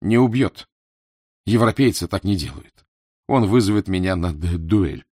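A man's voice: low-pitched, expressive, moderate pace, darkish tone, husky, no room sound, clean studio sound. A male reader voicing a reckless young diplomat in love, earnest and slightly stammering. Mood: ardent. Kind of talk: audiobook character voice.

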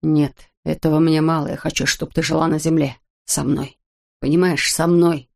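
A woman voicing a devoted, strong-willed middle-aged husband who speaks softly and insistently to his ailing wife. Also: low voice, level tone, normal speed, gravelly. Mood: tender, insistent. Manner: hushed, soft-spoken.

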